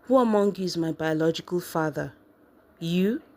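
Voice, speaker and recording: A woman voicing an upset teenage girl who speaks in shrill, tearful outbursts. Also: normal speed, warm tone, close to an everyday voice. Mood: panicked shrill.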